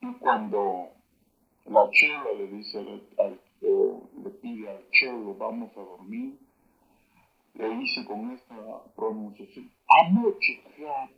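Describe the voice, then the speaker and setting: A man teaching words of an old local language, saying each word slowly and loudly and then explaining its meaning. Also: fairly low pitch, lively intonation, vocal fry, muffled recording. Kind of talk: spoken vocabulary lesson.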